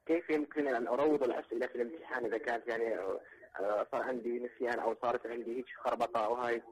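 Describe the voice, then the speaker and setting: A man's voice: mid-range voice, steady tone, rapid-fire. A young man, a student calling in and hesitantly asking questions over a tinny phone line. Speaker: student caller. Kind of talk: phone call to a TV lesson.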